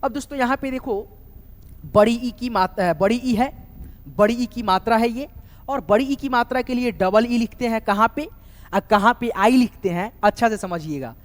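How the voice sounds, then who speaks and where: A man's voice: very high-pitched, moderate pace. A man giving a spoken lesson on writing names, spelling words out letter by letter and often checking back with his students. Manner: keeps saying "doston" and "theek hai", spells words out letter by letter. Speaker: English teacher. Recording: reverberant room recording.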